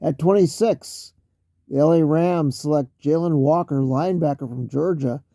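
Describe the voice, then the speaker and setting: Talking through a solo mock draft on his own, a man with a failing voice keeps it casual but halting, full of fillers and frequent throat-clearing. He sounds a little high and mellow, in a dry, studio-quality recording.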